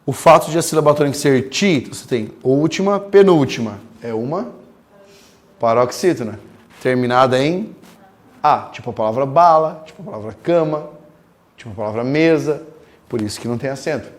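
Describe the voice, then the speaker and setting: A man teaching a grammar lesson, emphatic and drawing out terms slowly as he dictates. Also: mid-range voice, animated. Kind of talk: recorded classroom lecture.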